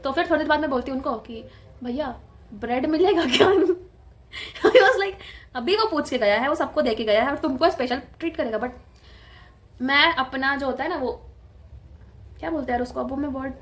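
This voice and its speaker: High-voiced chatty young woman vlogging. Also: moderate pace, pauses often, a bit bright. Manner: chatty, laughs often, mixes English into Hindi. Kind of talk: casual storytelling vlog.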